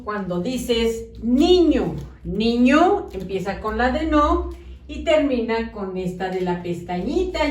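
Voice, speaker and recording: Woman teacher, children's phonics lesson, lively up-and-down voice, echoey room off-mic. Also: on the high side, far from the mic. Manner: slow, exaggerated sounding-out of syllables.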